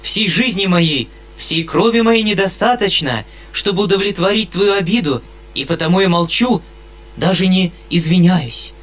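A man's voice: sits high, lively intonation, moderate pace, a bit bright, voice pushed up. Man playing a fervent, overwrought colonel. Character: emotional, good-hearted middle-aged colonel.

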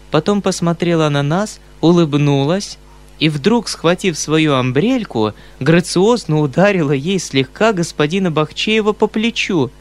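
A man narrating a classic novel in a measured, expressive storytelling voice. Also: medium pitch. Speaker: audiobook reader.

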